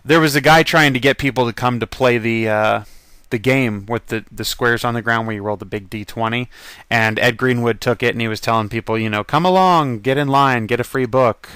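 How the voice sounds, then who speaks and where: A man's voice: mid-range voice, steady tone, a little fast, pushed and bright, clean tone, dry recording. A man casually narrating a slideshow of his convention photos as a voice-over, chatty and rambling, with frequent ums and laughs.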